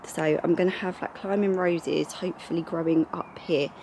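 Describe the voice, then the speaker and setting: A woman's voice: fairly low pitch, fairly even intonation, normal speed, mellow, a little hiss or hum. A young woman in casual vlog chat, rambling with lots of fillers, filmed at home on a handheld camera. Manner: chatty, rambling, many fillers. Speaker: lifestyle vlogger. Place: indoors at home.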